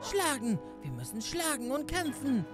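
Excitable lady gamer yelling through a minecraft roleplay, bouncy pitch, game music under it. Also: normal speed. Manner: excitable, often shouting and crying out. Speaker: host playing a character. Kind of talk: Minecraft role-play.

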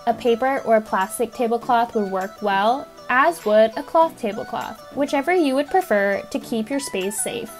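A woman with a slightly high voice narrates practical setup steps in a calm, explanatory voice-over. Soft music sits faintly under her. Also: moderate pace, hardly any pauses. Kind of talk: instructional voice-over.

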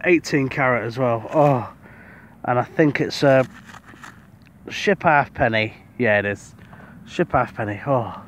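Out on a beach, a British metal detectorist chats casually to the camera, getting excited over each find as he digs it up. His voice is mid-range, and there's slight background noise.

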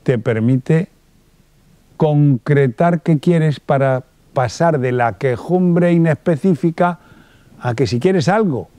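A man giving a lively public talk as a psychologist, colloquial and acting out little dialogues. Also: fairly high pitch, slow pace, no room sound. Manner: colloquial, acts out little dialogues in different voices.

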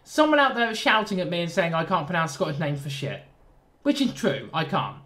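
A man's voice: on the high side, big pitch swings, a little fast, a bit bright. A man with a nasal southern English accent, chatting casually and joking at his own expense while narrating a train simulator run. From southern England. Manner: rambling, self-deprecating, jokey asides. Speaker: train sim YouTuber. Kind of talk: casual gameplay commentary.

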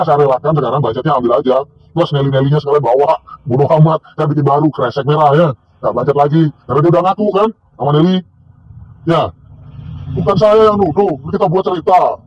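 Vlogger, male, middle-aged, husky, sneering and taunting, self-shot outdoors, muffled lo-fi sound. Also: on the high side, darkish tone. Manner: mocking, scornful, taunting with laughs. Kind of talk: casual rant to camera. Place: outdoors by a tree near a corn field. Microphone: self-recorded on a handheld camera or phone.

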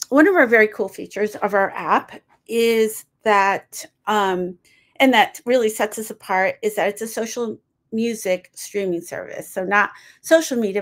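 A woman presenting her team's student project on a video call, upbeat, with many um fillers. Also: mid-range voice.

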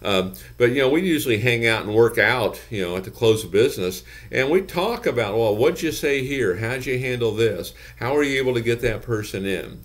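A man's voice: medium pitch, animated, brisk, few pauses. A man in his sixties speaking to a desk webcam from his office, giving earnest business advice that leans on "you know" and repeated phrases. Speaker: gym business consultant. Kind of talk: direct-to-camera advice talk. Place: office with bookshelves, indoors.

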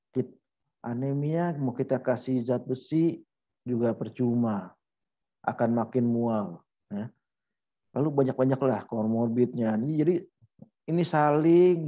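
A middle-aged man giving an informal medical lecture, talking through examples and asking rhetorical questions. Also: medium pitch. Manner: conversational, uses anecdotes and rhetorical questions. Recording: slightly dull lo-fi audio.

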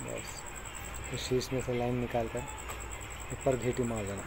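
Over music, a man with an unhurried, mid-range voice and fairly even intonation casually explains step by step how he ties fishing hooks as he works. A fishing tutorial maker, he's plainly instructive and talks while tying knots. Insect noise is clear in the background.

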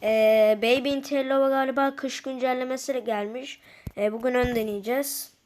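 A woman's voice: sits high, fairly even intonation, moderate pace, a little mellow, a little hiss or hum. A woman giving casual commentary to her viewers while playing a game, slightly ill. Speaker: gaming YouTuber.

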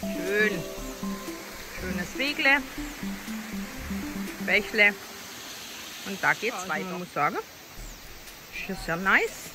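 A woman chatting cheerfully as a family travel vlogger, filming herself outdoors in a rainforest. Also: a little high. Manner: chatty, cheerful, loose filmed commentary. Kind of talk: casual vlog narration. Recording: music playing behind the voice.

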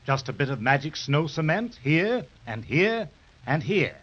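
Jack Frost, cheerful. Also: male voice, a little high, big pitch swings, measured pace, fairly bright tone, husky, full character voice. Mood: friendly. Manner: cheerful, obliging, slightly hesitant uh's. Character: friendly male Jack Frost, proud craftsman. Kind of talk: 1930s radio drama acting. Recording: dull lo-fi 1930s transcription.

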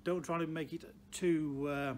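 Fairly high in pitch yet darkish in tone, this dealer's voice stays steady and measured. He is a man in his sixties from Stoke-on-Trent, England, with a Potteries accent, giving plain-spoken, unscripted advice to camera with emphatic repeated phrases. Clear showroom ambience surrounds him in a large indoor car showroom.

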